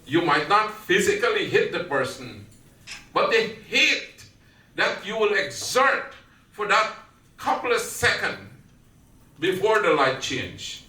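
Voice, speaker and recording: Guyanese male preacher, slow and deliberate, tense bright tone, far-off mic in a roomy space. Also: high-pitched. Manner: slow storytelling with questions to the audience. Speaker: satsang speaker. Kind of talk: devotional sermon. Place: indoor family prayer gathering. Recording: echoey room, distant mic, faint background.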